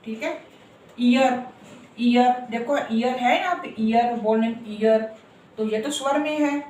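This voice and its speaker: A woman's voice: on the high side, a little mellow, far from the mic, a little hiss or hum. Woman teaching grammar in an echoey room. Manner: repeats words slowly and asks for agreement. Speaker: English teacher. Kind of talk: classroom grammar lesson.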